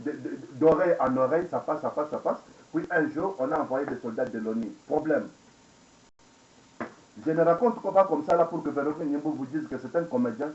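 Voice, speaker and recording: A man's voice: mid-range voice, slight background noise. A man in his forties delivering an angry, rambling monologue full of repeated phrases and rhetorical questions, recorded on a webcam indoors. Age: 40s. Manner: angry, repetitive, rhetorical questions, code-switching into English. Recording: echoey dull lo-fi webcam recording.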